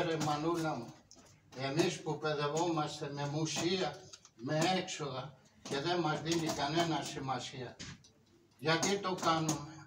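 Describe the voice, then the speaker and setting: A man performing the witty, mocking shadow-puppet hero in a folksy, sighing voice at a live show. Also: fairly high pitch. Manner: mocking, folksy, sighs "ε, ρε μανούλα μου". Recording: echoey, distant, noisy live show.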